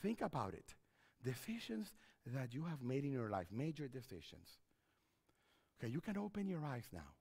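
A middle-aged man, a pastor and counselor, gives an animated seminar talk from a church stage with a headset mic, often repeating his phrases. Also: mid-range voice, moderate pace, creaky, husky, long reverb tail. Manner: animated, repeats phrases, wide hand gestures while pacing.

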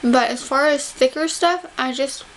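With her teeth banded, this young woman speaks carefully and with restricted jaw movement, telling her camera how her surgery recovery is going. Her voice is high, her pace moderate, and the home audio is noisy.

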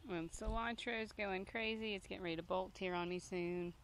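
A gardening vlogger in her thirties, with a medium-pitched, steady voice and a moderate pace, casually tours her backyard vegetable garden. She holds her phone at arm's length outdoors, and the recording is noisy.

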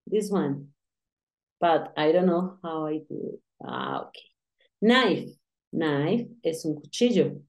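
Unhurried woman teaching. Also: low voice, very animated, a little mellow. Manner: repeats words, explains pronunciation conversationally. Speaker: English teacher. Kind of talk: casual online English lesson.

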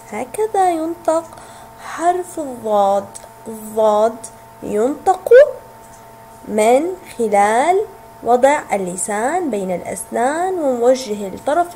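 A woman teacher with a high, warm, mellow voice that swings up and down a lot. She speaks slowly and sounds out each letter and word for small children. A faint hum runs under the recording. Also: low-quality recording. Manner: slow, clearly sounding out letters and words; asks questions, then answers them herself. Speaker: kindergarten teacher.

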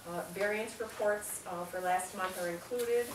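A woman's voice: mid-range voice, moderate pace. A woman trustee presenting bills and making motions at a board meeting. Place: small indoor meeting room. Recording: echoey room, far mic, loud noise.

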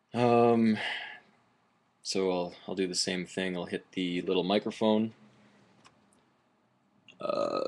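A man's voice: low voice, vocal fry, darkish tone. A man in his twenties from Canada giving a casual gadget demo to a webcam at home. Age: 20s. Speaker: gadget reviewer. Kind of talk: casual demo chat to camera. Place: small room at home, indoors. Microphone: webcam at arm's length.

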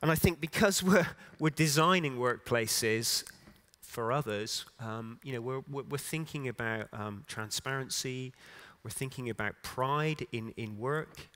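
A man's voice: mid-range voice, fairly bright tone. A middle-aged man giving an unscripted keynote talk on a conference stage, with frequent restarts and fillers. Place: conference stage in a large hall.

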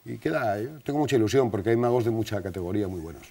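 A man's voice: on the low side, animated, very fast, creaky, mellow. Rambling, chuckling TV guest, man. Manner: rambling, chuckling, many restarts. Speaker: guest, TV presenter. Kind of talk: TV studio interview. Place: TV studio.

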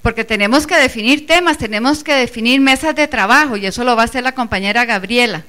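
A woman's voice: fairly high pitch, fast, bright, forceful tone. A woman giving an earnest, emphatic speech as an organizing committee member before a teachers' assembly. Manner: earnest, emphatic, addresses the audience inclusively. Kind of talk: public speech at a meeting.

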